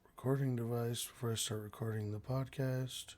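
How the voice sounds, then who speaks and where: A man talks as the host of his own casual podcast. His pitch sits in the middle of the male range. He speaks informally, in loose slang with the odd swear word, as if chatting to friends. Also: fairly even intonation, moderate pace, darkish tone. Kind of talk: casual solo podcast chat.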